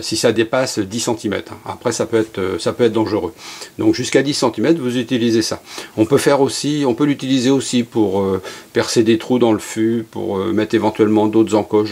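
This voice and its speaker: A middle-aged man giving a relaxed, chatty hands-on workshop demonstration as an archery instructor, with many fillers and asides. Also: fairly low pitch.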